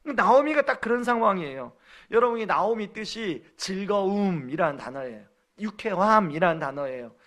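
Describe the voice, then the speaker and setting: A man's voice: sits high, expressive, moderate pace, fairly bright tone. A male pastor preaching a sermon, earnest, acting out quoted lines as he explains the scripture. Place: church sanctuary.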